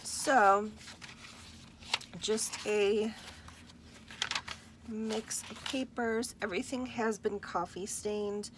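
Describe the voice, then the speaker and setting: A woman showing her handmade journals in a casual vlog, relaxed and unhurried, with a husky morning voice and some throat clearing. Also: medium pitch, noisy background. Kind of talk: casual show-and-tell vlog.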